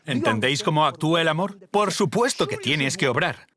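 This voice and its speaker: Lively male preacher. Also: a little high, brisk. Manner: storytelling, acting out both sides of dialogues. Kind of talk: sermon.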